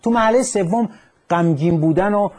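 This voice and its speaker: Man, psychologist, radio call-in counseling, calm and instructive, quotes verse, husky, a bit high-pitched.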